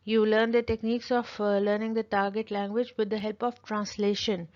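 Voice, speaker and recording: Repeating her points and using simple examples, a teacher who speaks Urdu natively walks through an explanatory tutorial. She has a mid-range voice with little pitch movement and speaks at a moderate pace, recorded in dull, lo-fi audio.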